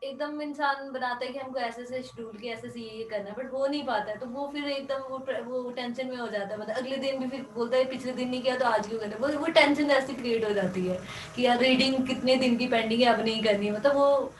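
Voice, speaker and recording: A woman asks questions in a spiritual class, hesitating and hunting for words. Her fairly high voice is picked up from some distance, with faint noise underneath. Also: a little fast. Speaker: class participant.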